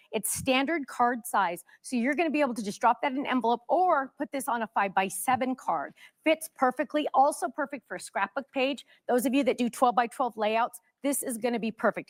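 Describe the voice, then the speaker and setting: Gushing woman home shopping host, higher-pitched. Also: dry recording. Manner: chatty, gushing, emphatic product praise. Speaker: home shopping presenter demonstrating craft products.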